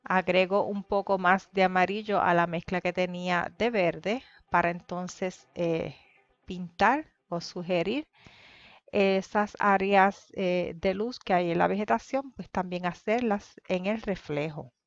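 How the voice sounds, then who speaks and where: Woman explaining a painting lesson step by step, calm, lots of little pauses, dry dull-sounding voice-over. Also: on the low side, dry recording. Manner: calm, explanatory, with frequent hesitations. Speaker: painting teacher. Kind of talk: narrated painting tutorial.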